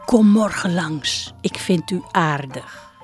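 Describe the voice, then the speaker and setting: A woman reading a storybook aloud and voicing a young princess with a high, eager, playful voice. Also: animated, slow pace, a little mellow, soft background music. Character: young girlish princess, lively and bold.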